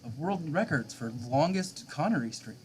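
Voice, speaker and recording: A man's voice: fairly high pitch, lively intonation, moderate pace, a little hiss or hum. A man in his thirties, a game streamer, chatting casually with his viewers late at night, chuckling often as he answers chat.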